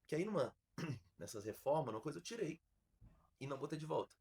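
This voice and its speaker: Husky Brazilian man telling a story. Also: on the high side, quick pace. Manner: animated, slangy, many restarts. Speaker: podcast host. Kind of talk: casual storytelling chat.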